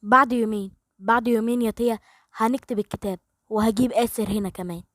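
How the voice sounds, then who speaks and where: A woman's voice: a little high, fairly even intonation, fast, a bit bright, dry recording, close to an everyday voice. A woman voicing a worried middle-aged father who coaxes earnestly, with an Egyptian Arabic accent. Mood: pleading. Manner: coaxing and earnest.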